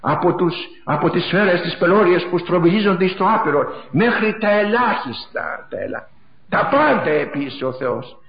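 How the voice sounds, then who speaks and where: A middle-aged man preaching a sermon, impassioned and repetitive, swinging from loud cries to hushed words. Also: sits high, expressive, creaky. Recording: echoey, dull lo-fi recording.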